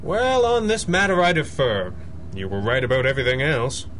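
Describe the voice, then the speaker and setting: Over background noise, an actor plays an authoritative male masked detective from a thirties radio serial. He speaks in a measured, formal way, as a cerebral hero used to command. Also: medium pitch, animated, a bit bright, lightly acted. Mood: calm, reflective. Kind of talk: 1930s radio adventure acting.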